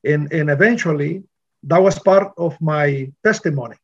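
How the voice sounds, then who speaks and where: A middle-aged man from Honduras, a pastor telling his testimony in an interview, earnest and full of pauses and restarts. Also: on the high side, slightly rough, lo-fi sound. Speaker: pastor, guest.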